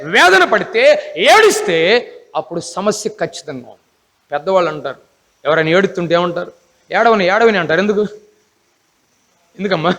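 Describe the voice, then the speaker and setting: A man's voice: extremely high pitch, fairly bright tone, long reverb tail. A man preaching a Bible class sermon, emphatic, often asking the congregation rhetorical questions.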